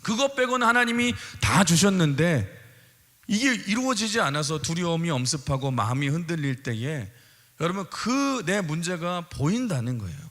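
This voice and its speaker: A man's voice: a little high, big pitch swings, moderate pace, a bit bright. A man preaching a sermon in a church sanctuary, emphatic and speaking directly to the congregation. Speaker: pastor. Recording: long church reverb.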